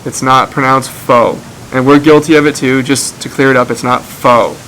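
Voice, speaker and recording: A man's voice: mid-range voice, little pitch movement, brisk, fairly bright tone, rough recording. Young man, from Canada, chatty vlog talk, faint noise behind. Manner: chatty, explains to camera. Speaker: travel vlogger. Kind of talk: casual vlog chat.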